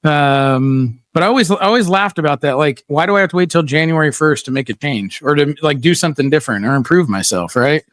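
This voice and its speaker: A man's voice: a little high, lively intonation, brisk, few pauses, fairly bright tone, no room sound, clean studio sound. A middle-aged man hosting a casual livestream chat, telling stories bluntly and animatedly with lots of fillers. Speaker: podcast host.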